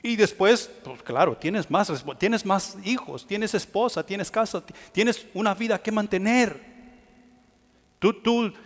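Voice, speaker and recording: A man preaching a sermon with passion, dropping to hushed lines and rising to loud ones. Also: sits high, unhurried, long reverb tail. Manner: impassioned, swinging between hushed and loud.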